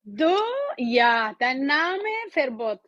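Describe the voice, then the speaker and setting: A woman from Ethiopia on a video call, speaking halting broken German and repeating words. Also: a little high, lively intonation, fairly bright tone. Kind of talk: casual video-call chat. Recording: dull lo-fi video-call audio.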